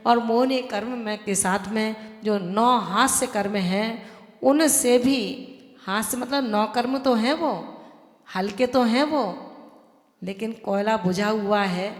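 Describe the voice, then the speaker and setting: A woman, a Jain nun, giving an earnest devotional sermon that exhorts listeners and explains with everyday examples. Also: on the high side. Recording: echoey hall with long reverb.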